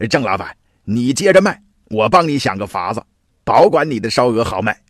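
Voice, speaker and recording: A man's voice: medium pitch, very animated, moderate pace, no echo, studio quality. A man voicing a greedy, cheerful gravedigger in a told folk tale, eager and wheedling. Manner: wheedling, grinning.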